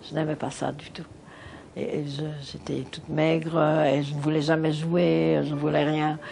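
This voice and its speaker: A woman's voice: low-pitched, little pitch movement, normal speed, vocal fry, dark tone, slight background noise. An older woman hesitantly recalling her unhappy childhood as a hidden child. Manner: hesitant, many fillers. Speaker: interviewee, former hidden child. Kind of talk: recalled testimony.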